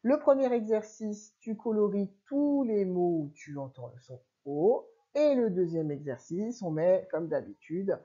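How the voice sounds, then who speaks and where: A woman teacher giving a remote reading lesson to young children, sounding out syllables slowly and clearly and encouraging the child. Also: on the low side, dark tone, muffled recording. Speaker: primary school teacher.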